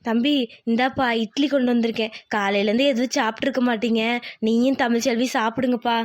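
A woman's voice: on the high side, steady tone, quick pace, no echo, natural voice. A woman voicing a kindly village woman who runs a food stall, motherly and consoling.

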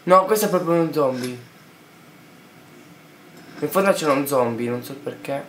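A man's voice: on the high side, animated, moderate pace, a bit bright. Italian man, nervous gamer, bouncy voice in an echoey room. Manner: jumpy, nervous, apologetic. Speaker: player. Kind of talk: casual gameplay commentary. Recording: echoey room with faint noise.

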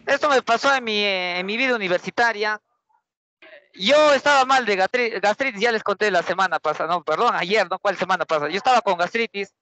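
A young adult male teacher with a Peruvian Spanish accent tells his class a story in a lively, chatty way, often quizzing students with rhetorical questions. His voice is high and a little fast, and the recording is dry.

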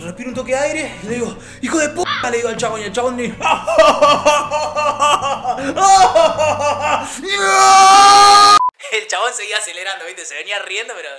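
A man's voice: high-pitched, very fast, hardly any pauses, over loud music. A young man with an Argentine accent, telling a casual anecdote and acting out the voices in it. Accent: Argentine Rioplatense. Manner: animated, acts out voices, laughs often. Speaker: storyteller.

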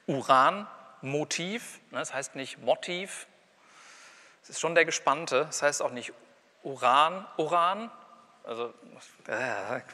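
A man's voice: mid-range voice, pushed and bright. A man giving a university linguistics lecture, talking in a conversational way with wry asides and saying example words aloud to show how they sound. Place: lecture hall. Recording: lecture hall with long reverb.

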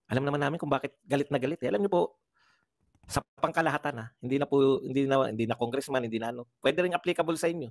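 A man's voice: fairly high pitch, dry recording, studio quality. Impassioned man firing rhetorical questions. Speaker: political vlogger. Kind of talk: livestream political commentary.

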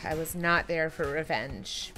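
A young woman commenting on her own video game play in a playful way, talking to the game's animals and making mock threats, with excited yelps. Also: low voice, measured pace, soft background music. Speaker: gaming channel host. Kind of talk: Minecraft let's-play commentary.

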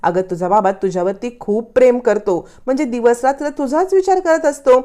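A woman voicing a stern older grandmother in a drama recap, sharp and defensive. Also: fairly high pitch, normal speed, voice pushed up, natural voice. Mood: coaxing.

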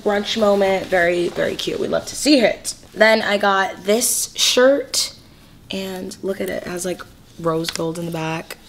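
A young woman in her twenties from California, chatting in a bubbly, slangy way through a clothing haul vlog. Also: mid-range voice. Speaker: fashion vlogger.

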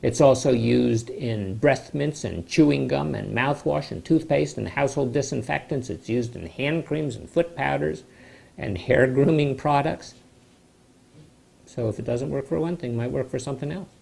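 An older man with a dark, gravelly voice explains medicine to camera from his study. He speaks in a measured, explanatory way and sounds skeptical of the claims he covers. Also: medium pitch. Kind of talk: informal health explainer to camera. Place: home study with bookshelves, indoors.

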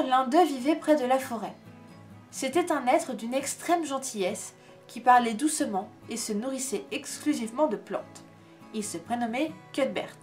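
A woman reading a storybook aloud in an expressive, measured storytelling manner. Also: on the high side. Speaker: reader. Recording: faint background music.

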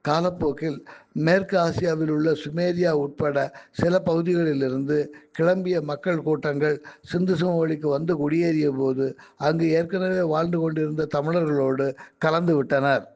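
A man reading his own magazine articles aloud in a measured, careful way. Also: on the high side, steady tone, vocal fry, a little mellow, lo-fi sound.

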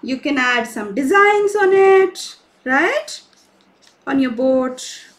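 This woman teaches crafts to kids in a live online session, speaking slowly in a high-pitched, expressive voice with a fairly bright tone. She stays cheerful and coaxing, frequently checking in with questions.

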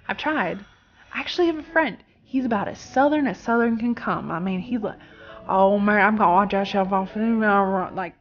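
A woman's voice: medium pitch, highs cut off, a little hiss or hum. A woman hosting a casual gameplay video, joking around, swearing freely and breaking into silly fake singing. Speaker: gaming video host.

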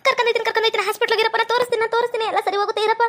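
A woman's voice: very high-pitched, flat delivery, rapid-fire, a bit bright. Woman playing a frantic fussing village wife. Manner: fretting, repeating herself, wailing. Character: frantic young village wife fussing over her husband. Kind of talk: village comedy skit.

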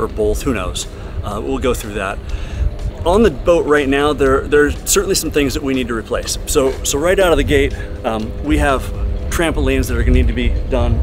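A man giving a casual walkthrough of his sailing catamaran, talking in a relaxed, rambling way with plenty of ums and uhs. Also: mid-range voice. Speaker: boat owner giving a tour. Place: aboard a sailing catamaran, outdoors and in engine room. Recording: music playing underneath.

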